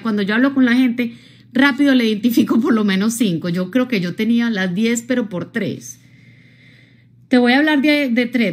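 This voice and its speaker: A woman, from Colombia, giving a live-streamed motivational talk, speaking expressively straight to her viewers and often checking in with them. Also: on the high side. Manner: expressive, addresses viewers directly, frequent tag questions.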